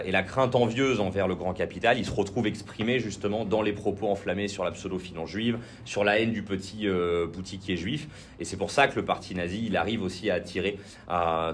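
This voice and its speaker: A man's voice: low voice, a little hiss or hum. A man with a French accent giving an informal political training talk, hesitant, with many fillers and restarts. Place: indoor training session room.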